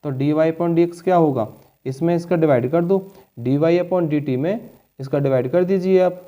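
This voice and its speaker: A man's voice: fairly high pitch, moderate pace, mellow. A man teaching a board-exam maths lesson, explaining each step patiently and checking in with his students often. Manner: addresses students as children.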